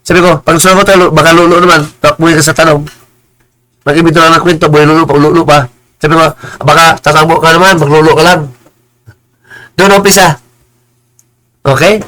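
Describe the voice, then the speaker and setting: A man's voice: fairly high pitch, flat delivery, bright, forceful tone, low-quality recording. Combative, stammering man ranting on a live stream. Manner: combative, insulting, repeats words and stammers; mixes in slow, preachy English phrases. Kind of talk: heated live-stream rant.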